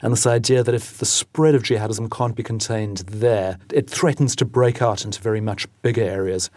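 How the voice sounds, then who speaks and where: In a news podcast interview, a male Africa editor gives a measured account of what he saw on a reporting trip. His voice is lowish, steady, and darkish in tone, recorded at studio quality with no echo.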